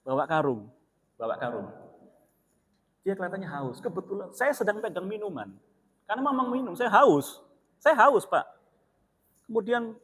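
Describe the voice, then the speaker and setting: A man preaching in a mosque, with a fairly high voice and an East Javanese Indonesian accent. He tells his story in a lively way, jumping from loud cries to quiet asides. The sound rings with the long reverb of a large hall. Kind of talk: mosque sermon with personal story.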